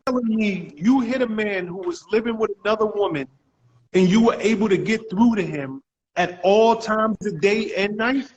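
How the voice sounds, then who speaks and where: A man hosts a live talk show in a fairly high voice. He asks probing, direct questions, often restarting his sentences before pressing his point. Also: moderate pace, rough recording. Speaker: host.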